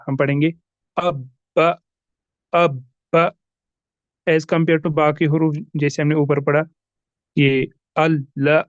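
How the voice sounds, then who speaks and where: In a lo-fi recording without any echo, a man whose voice is a little high gives a recorded tajweed lesson on the rules. He repeats examples patiently and asks questions only to answer them himself.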